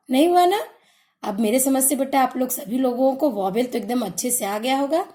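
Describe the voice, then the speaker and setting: A woman teacher giving a patient phonics lesson to children, spelling out letters slowly and calling them beta. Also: high voice, a little mellow. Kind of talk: slow classroom phonics lesson.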